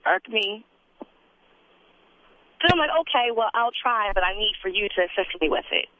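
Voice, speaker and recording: A woman's voice: mid-range voice, expressive, moderate pace, sharp tone, no room sound. A woman calling in to a radio show over the phone, talking casually and plainly as she vents. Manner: casual, plain-spoken, frustrated venting. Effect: heard over the phone. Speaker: caller. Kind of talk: call-in radio conversation. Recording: narrow tinny phone line.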